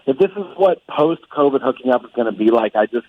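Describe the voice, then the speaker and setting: An excitable, chatty man heard over a phone speaker on a radio show. His voice sits at an ordinary middle pitch and comes through a muffled, narrowed line, laughing as he talks. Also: fast talker. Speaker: radio call-in guest. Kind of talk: casual chat.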